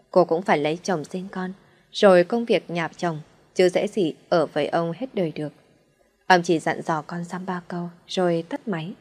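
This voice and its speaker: A woman narrating a novel in a steady storytelling manner. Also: fairly low pitch.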